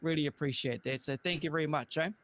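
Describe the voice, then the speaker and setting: A man with a broad New Zealand accent and a fairly high-set voice hosts a motorsport chat. He talks in slangy, effusive, matey fashion. There is faint noise behind him. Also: fast talker, a bit bright. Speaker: show host.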